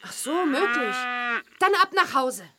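A woman's voice: high voice, very animated, unhurried, vocal fry, a crowd in the background, full character voice. A woman playing a cheerful, impulsive teenage witch girl in a children's audio drama, perky and playful. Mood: concerned.

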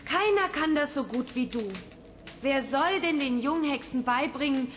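A woman's voice: sits high, unhurried, a bit bright, slight background noise. An actress voicing a young, good-hearted girl witch in a children's radio play, coaxing and persuasive.

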